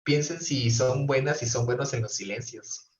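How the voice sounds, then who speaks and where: A man's voice: medium pitch, moderate pace. A man teaching a therapy class online, explaining step by step and often checking in with his students. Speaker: professor teaching brief therapy. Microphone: computer mic on a video call. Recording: roomy, distant, dull video-call audio.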